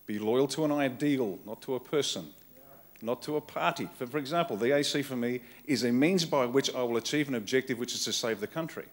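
Speaking a little fast in a mid-range voice, this middle-aged man with an Australian accent gives a stirring political keynote into a stand-mounted podium mic on a conference hall stage. His delivery relies on short, forceful phrases, frequently repeated.

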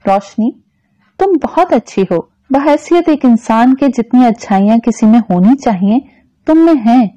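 A tired, lovesick grown man who speaks softly and haltingly, as a woman reads him aloud. The voice sits fairly high and mellow, on a dull, dry recording. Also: lively intonation, no echo, lightly acted. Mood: gentle. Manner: soft and faltering.

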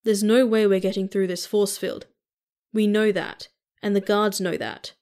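A woman voicing a calm, practical male Martian first officer with dry remarks. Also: medium pitch, a little slow, natural voice.

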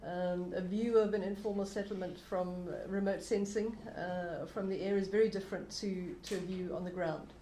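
A woman with a warm, mellow voice answers on a panel, thinking aloud and doubling words. The room is echoey with a light hiss. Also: on the low side, fairly even intonation, moderate pace, few pauses. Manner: thoughtful, repeats words as she goes. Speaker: panelist, academic. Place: lecture room.

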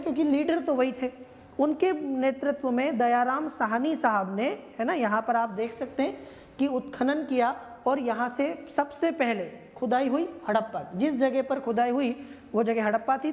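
High-voiced woman teacher in a reverberant room. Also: a little mellow. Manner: conversational, checks in with listeners often. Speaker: history teacher. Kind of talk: exam-prep lecture.

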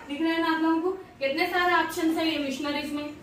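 A woman's voice: very high voice, fairly even intonation, quick pace, fairly bright tone, distant mic, a little hiss or hum. A woman in her thirties, a fitness vlogger, chatting to viewers as she shows workouts on a home gym machine, talking to them directly and cheerfully. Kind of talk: casual workout demonstration. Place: small home gym room, indoors. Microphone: camera at a distance. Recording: very echoey room, voice from afar.

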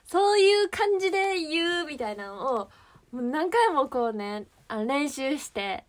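High-voiced young Kansai woman chatting. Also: very animated, unhurried. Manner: chatty, rambling, searching for words. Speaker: idol livestream host. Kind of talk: casual livestream chat.

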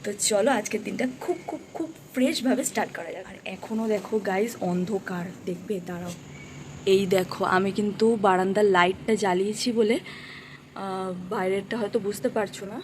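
A woman vlogger speaks quickly in an easy, chatty way. Her pitch sits in a middle range, and she addresses her viewers directly as friends. A clear hum of background ambience runs under the recording. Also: darkish tone, poor audio. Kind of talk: casual vlog talk to viewers.

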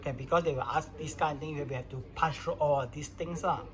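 A man demonstrates a product in an informal hands-on tutorial, narrating in casual, non-native English phrasing. His voice is fairly high, his intonation fairly even, and his pace brisk.

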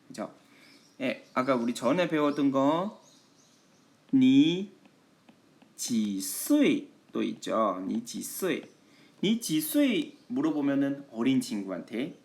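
A man's voice: mid-range voice, darkish tone. A man teaching a lesson in Korean, patiently and with frequent affirming interjections. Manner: patient, repeats "예" often, slow model readings of Chinese. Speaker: Chinese language teacher. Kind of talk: online language lesson.

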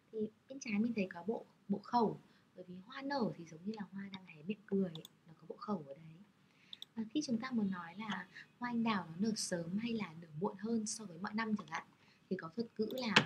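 A woman's voice: mid-range voice, a little mellow, dull audio, a little hiss or hum. A woman teaching Japanese characters, explaining patiently in a friendly, step-by-step way. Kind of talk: explaining lesson over slides.

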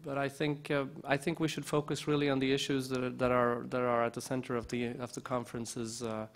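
Keynote speaker, man in his forties, gravelly, hesitant, table mic indoors. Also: medium pitch, level tone, fairly quick. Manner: hesitant, many restarts and fillers. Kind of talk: conference talk and Q&A answers. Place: conference lounge, indoors. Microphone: table microphone.

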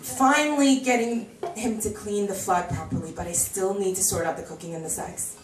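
Heavy background noise surrounds a medium-pitched woman speaking at a moderate pace. She's an American in her thirties working a small bar comedy club with a handheld mic, chatty and animated, mimicking voices in quotes. Filmed from far back, the room comes through echoey and remote.

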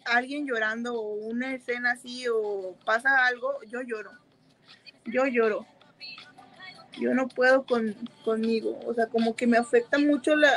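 A woman's voice: sits high, fairly bright tone, low-quality recording. Chatty, giggly Mexican woman doing makeup. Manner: chatty, giggly, full of o sea fillers. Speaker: makeup seller and host. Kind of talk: casual live chat while applying makeup.

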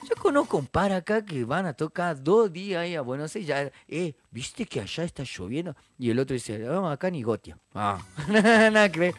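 A man's voice: on the high side, a bit bright. A man with a Salta Argentine accent, chatting casually on a live stream, reading out viewer comments and greeting people with jokes. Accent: Salta Argentine Spanish. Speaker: musician hosting a live stream.

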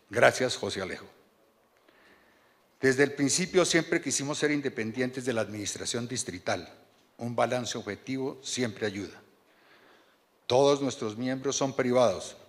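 A Colombian board chairman with a mid-range voice delivers a formal speech from a podium microphone on a stand in a large banquet hall. Reading from his notes, he sounds measured and earnest, with small restarts here and there.

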